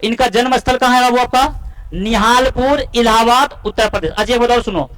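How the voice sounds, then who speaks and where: A man's voice: very high voice, brisk, a bit bright, smooth, low-quality recording. A man teaching a class lesson, asking students questions and then answering them himself. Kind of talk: classroom-style lesson explanation.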